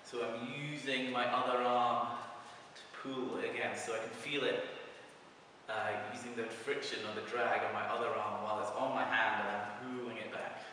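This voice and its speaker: Bright-voiced man teaching in an echoey hall. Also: medium pitch, flat delivery, normal speed, slight background noise. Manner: loose, talks through moves while demonstrating. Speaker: prop spinning teacher. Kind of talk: casual video tutorial. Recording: echoey hall, mic far off.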